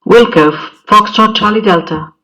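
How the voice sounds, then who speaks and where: A man's voice: high-pitched, normal speed, bright, forceful tone, recorded from a distance, low-quality recording. A man voicing a pilot's radio calls in clipped, formulaic phrasing, as if transmitted from a cockpit headset. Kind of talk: demonstrating aviation radio calls.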